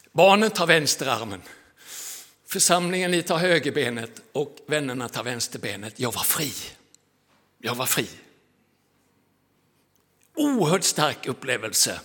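A middle-aged man, a pastor, preaching a sermon and telling a story with dramatic rises and soft drops. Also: on the high side.

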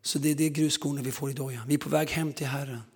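A man's voice: medium pitch, fairly even intonation, breathy edge, in a large hall. A man preaching a sermon, telling stories and acting out the people in them, his voice strained. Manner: storytelling, acts out quoted voices. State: strained, recovering voice.

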